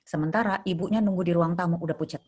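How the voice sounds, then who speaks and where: A woman's voice: lowish voice, fairly even intonation, rapid-fire, a little mellow, slightly rough. A middle-aged woman, a child therapist, telling stories in a casual interview and acting out scenes with sound effects.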